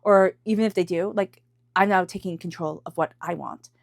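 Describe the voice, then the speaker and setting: A woman's voice, fairly low and gravelly, moves at normal speed in a dry recording. She is a tarot reader with a head cold, sounding stuffy as she gives an intuitive reading to viewers and repeats phrases for emphasis.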